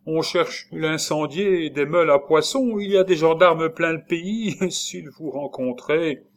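A man reading a storybook voices a superstitious, frightened peasant nurse woman, crying out her lines in a raised, high voice. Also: animated, slow pace. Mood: alarmed. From Normandy (figure). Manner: high, cried-out exclamations.

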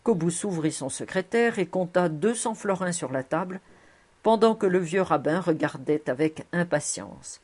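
A woman's voice: fairly low pitch, expressive, normal speed, a little mellow, husky. Woman reading a novel aloud. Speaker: audiobook narrator.

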